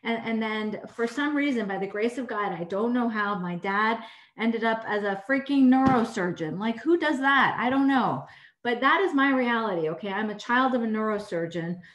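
A woman who is a clinical instructor and surgeon, talking casually and warmly to medical students on a video call, rambling and correcting herself as she goes. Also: fairly high pitch, lively intonation, normal speed, dull audio. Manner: warm, rambling, self-correcting. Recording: echoey room on a video call.

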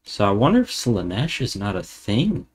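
A man's voice: lowish voice, huge pitch swings, normal speed, slightly rough. A man streamer giving casual reaction commentary, musing and thinking aloud as he goes. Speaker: streamer reacting to a lore video.

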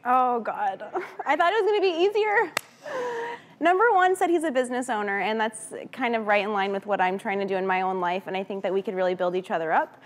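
A woman's voice: medium pitch, lively intonation, brisk, slight background noise. A young American woman, a dating show contestant, chatting casually and giddily on stage. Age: young adult. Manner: giggly, giddy. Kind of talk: casual unscripted chat on stage. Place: large TV studio with live audience.

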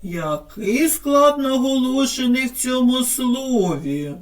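A woman speech therapist narrating a scripted children's lesson in an expressive teacher's tone. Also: high voice, distant mic. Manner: slow, lively, expressive teacher tone.

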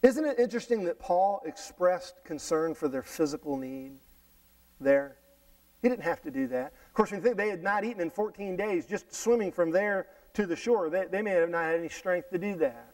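A middle-aged man preaching a sermon in a church, reading scripture aloud and explaining it with lively restarts and repeated words. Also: high-pitched, moderate pace, recorded from a distance, poor audio. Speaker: pastor. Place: church sanctuary stage, indoors. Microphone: headset mic.

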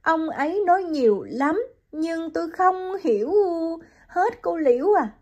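A woman's voice: animated, a little slow, darkish tone. Woman doing a heartbroken tearful young mother. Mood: distraught. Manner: choked, pleading and high-pitched.

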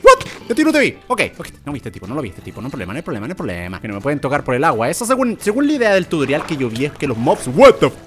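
A young man, commenting on his Minecraft play, muttering to the mobs and bursting out in excitement. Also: on the high side, rapid-fire, hardly any pauses, soft background music. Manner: excitable, talks to mobs, swings between mutters and outbursts. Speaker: gaming YouTuber.

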